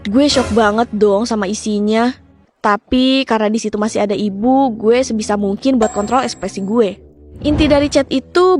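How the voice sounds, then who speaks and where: A young adult woman from Indonesia with speech, telling a personal story casually in the first person. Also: on the high side.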